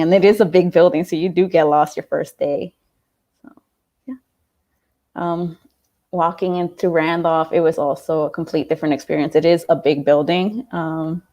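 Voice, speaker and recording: A woman in her late twenties from New York City, talking in a casual interview about her school days, thoughtful, with frequent fillers and soft laughs. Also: low voice. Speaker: interview guest, alumna.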